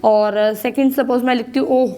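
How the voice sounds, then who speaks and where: Indian woman, English teacher, high voice, patient, mixes Hindi with English, answers her own questions. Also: measured pace. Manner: explains patiently, repeats key words, asks and answers her own questions. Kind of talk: classroom grammar lesson in Hindi and English.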